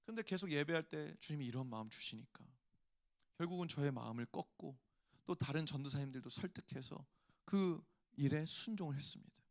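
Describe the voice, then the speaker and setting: A man's voice: a little high, brisk, gravelly. A male pastor preaching a sermon, telling a personal story and acting out inner voices before rising to emphatic appeals.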